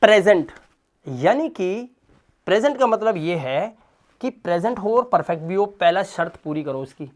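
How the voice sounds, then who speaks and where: Animated man teaching with loud bursts. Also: high voice, normal speed. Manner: animated, swings from quiet asides to loud emphatic bursts; addresses the viewer directly and spells words out letter by letter. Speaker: English teacher. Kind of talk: spoken English lesson in Hindi.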